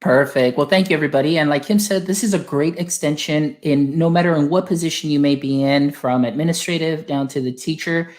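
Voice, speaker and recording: A man from Texas, working as an instructional software specialist, walking teachers through a browser extension in a friendly, explanatory way. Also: on the high side, steady tone, a little fast, few pauses. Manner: friendly, explanatory, filler-heavy. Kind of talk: software tutorial demo.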